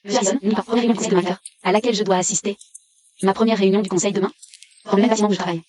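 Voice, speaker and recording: A woman's voice: mid-range voice, fairly even intonation, darkish tone, no echo, natural voice. Woman dubbing a wry young heiress. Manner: wry asides, quick and sardonic. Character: scheming young female heiress, wry and sardonic. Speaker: heiress posing as a junior real estate agent. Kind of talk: French dub of a short drama.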